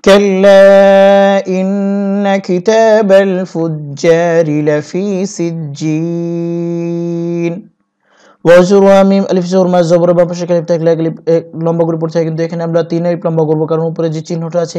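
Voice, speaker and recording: A man teaching Quran reading, spelling out syllables one by one and chanting each verse slowly. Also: on the high side, dark tone. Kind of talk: step-by-step recitation lesson. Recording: dull lo-fi recording.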